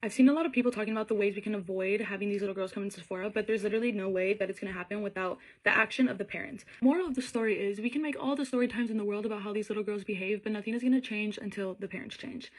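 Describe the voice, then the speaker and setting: Frank, fast-talking woman telling a story. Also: medium pitch, fairly even intonation. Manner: frank, exasperated, chatty. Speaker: beauty store worker. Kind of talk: casual storytime.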